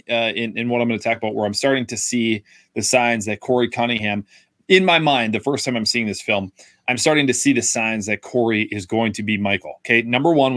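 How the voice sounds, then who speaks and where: A young man talks through a movie on a podcast in a loose, rambling way, circling back with fillers and restarts. His voice sits at an average pitch and sounds close and dry. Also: a bit bright, dry recording. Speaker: podcast co-host. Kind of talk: casual film review chat.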